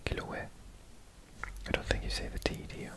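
Seated at a table indoors, a man from Wales makes whispered ASMR by reading aloud from a language textbook. His soft, breathy whisper stays slow and gentle, and he stops to fix his own mistakes along the way.

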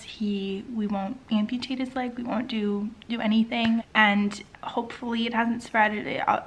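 A woman's voice: mid-range voice, pushed and bright, rough recording. A woman vlogger talking candidly in a conversational personal vlog.

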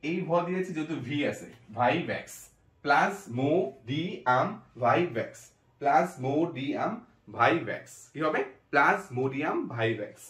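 A man teaching pronunciation, breaking words slowly into syllables. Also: a little high, lively intonation, fairly bright tone. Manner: slow, drawn-out syllable by syllable. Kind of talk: pronunciation lesson. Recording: echoey room.

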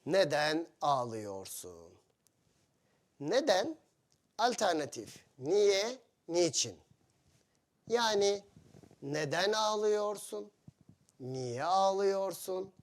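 A man gives a lesson to learners of his language, speaking in short, deliberate phrases. His voice sits a little high and swings widely in pitch, and he talks extremely slowly, repeating each example. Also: very animated. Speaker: Turkish teacher. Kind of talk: slow, simplified teaching of Turkish to foreigners.

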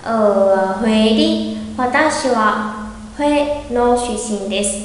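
A woman teaching an online language lesson, patiently repeating example phrases slowly. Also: on the high side, slight background noise. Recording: very echoey room with long reverb.

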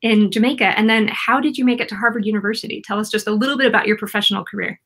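A woman's voice: medium pitch, very fast, fairly bright tone. A woman in her thirties hosting a live-stream interview, upbeat and enthusiastic. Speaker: host.

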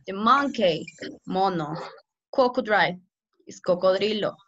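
A woman teacher with a Peruvian Spanish accent leads an online English class over a video call. She talks slowly and repeats each word many times. The sound is a bit dull, with faint noise behind her. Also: medium pitch, animated, fairly bright tone. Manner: slow and repetitive, code-switching.

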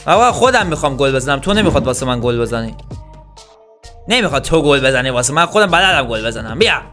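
A man's voice: medium pitch, soft background music. A man hosting a gaming channel, commentating his own online football match like a sportscaster and trash-talking his opponent. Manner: excitable, trash-talks the opponent; calls the play like a sportscaster.

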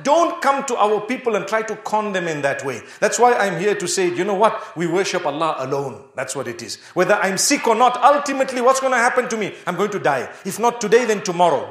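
A man with a notably high voice preaches a sermon, firing off rhetorical questions and hammering his points home. The sound carries a roomy echo. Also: a bit bright. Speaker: Islamic preacher.

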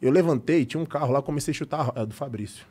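A man's voice: mid-range voice, racing, mellow, slightly rough. A young Brazilian man, a podcast guest, telling an emotional personal story in casual talk and acting out the dialogue.

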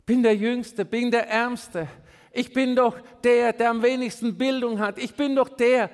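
A man's voice: very high voice, steady tone, measured pace. A man voicing the biblical Gideon as a young, poor, self-doubting man who whines about his own smallness. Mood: self-pitying. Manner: whiny, self-pitying complaining. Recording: long reverb in a large hall.

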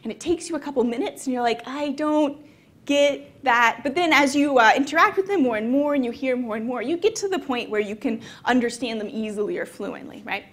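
A woman's voice: fairly high pitch, expressive, quick pace, hardly any pauses. A young woman from the American South giving a conversational conference talk with frequent fillers. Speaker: conference speaker. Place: conference hall.

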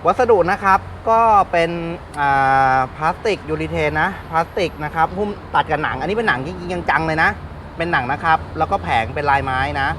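Brief: male used-car dealer, slightly raised pitch, chatty polite walkaround, outdoors with faint street noise. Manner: chatty salesman, polite filler particles, stops and restarts. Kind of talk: casual car walkaround review.

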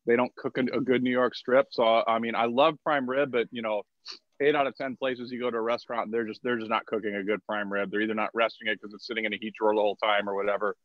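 A man's voice: lowish voice, flat delivery, fast, dry recording. Laid back guy guest on a call, lots of you know, dull dry audio. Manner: easygoing, hedging with "you know" and "I mean". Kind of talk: casual conversation.

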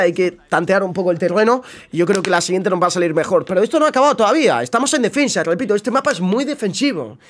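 A man from streaming a live reaction to an esports match, excitable, swearing and repeating himself. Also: sits high.

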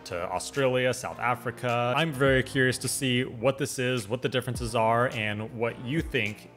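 A man's voice: medium pitch, moderate pace, fairly bright tone. An American man in his thirties with a standard accent, hosting a reaction video. He talks in a loose, conversational way and sounds curious, rambling a little as he comments. Faint music sits behind his voice. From United States, West Coast. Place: small indoor room at home.

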